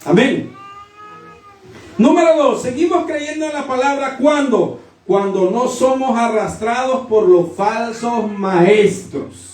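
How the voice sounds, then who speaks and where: A man with a high voice preaches, moving from storytelling into forceful declarations. He is heard from some distance, in a room with plenty of echo. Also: expressive, slow pace. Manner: storytelling, with rising emphatic declarations. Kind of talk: sermon. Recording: echoey room from a distant mic.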